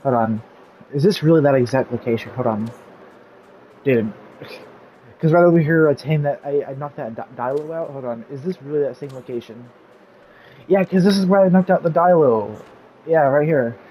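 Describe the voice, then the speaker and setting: Speaking at normal speed with long pauses, a YouTuber whose voice is a little high gives casual tutorial commentary over gameplay. He's rambling, filler-prone, and easily sidetracked, and he mentions losing his voice. Highs are cut off and there's slight background noise.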